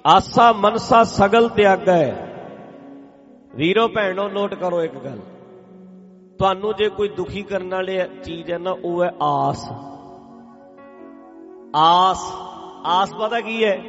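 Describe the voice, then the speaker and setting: A man's voice: high voice, takes it slowly, long pauses, fairly bright tone, in a large hall, dull audio, soft background music. A man preaching a sermon, driving points home by repeating them and breaking into chanted scripture verses. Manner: emphatic, repetitive, breaks into chant. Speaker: Sikh preacher. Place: gurdwara stage in a hall.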